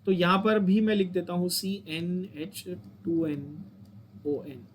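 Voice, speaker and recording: A man's voice: high voice, takes it slowly, a little hiss or hum. A young Indian man teaching a chemistry lecture, coaxing his students, repeating points and asking them to say them back. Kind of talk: online lecture.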